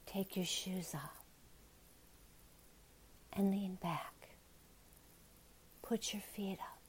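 A woman softly whispering a slow, soothing guided relaxation in ASMR style. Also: mid-range voice, steady tone, a little hiss or hum, poor audio.

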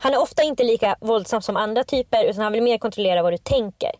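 A woman's voice: a little high, darkish tone, no room sound, studio quality. A woman co-hosting a casual podcast, reading out passages from a book and commenting on them with emphasis. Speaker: podcast co-host.

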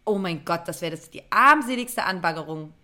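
A woman's voice: on the low side, moderate pace. A woman with a German accent, co-hosting a podcast, telling a story in casual chat and acting out what people said. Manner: animated anecdote telling with quoted voices. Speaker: podcast co-host.

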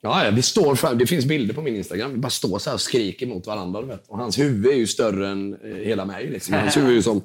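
A young man with a slightly hoarse voice, telling an animated story as a podcast guest and acting out the people in it. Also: hardly any pauses. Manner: lively storytelling, acts out quotes with big jumps in pitch.

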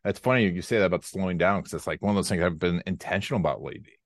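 A man's voice: low voice, racing, no echo, studio quality. A man hosting an interview podcast, talking in a conversational way, hesitating and using lots of fillers. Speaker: podcast host. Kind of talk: casual interview talk.

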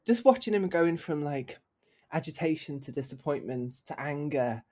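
A man, a musician, telling animated, sweary anecdotes in a casual podcast chat. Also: on the high side, normal speed.

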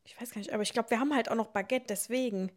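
A woman's voice: on the high side, steady tone, racing. A young woman co-hosting a casual podcast with her mother, telling stories in a chatty way and laughing often. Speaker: podcast co-host, daughter. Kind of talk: casual chat.

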